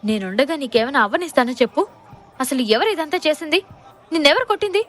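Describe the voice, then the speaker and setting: A woman narrator voicing a ruthless male gangster boss in an audio drama, shouting and menacing. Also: on the high side, normal speed, a little hiss or hum, close to an everyday voice. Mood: angry.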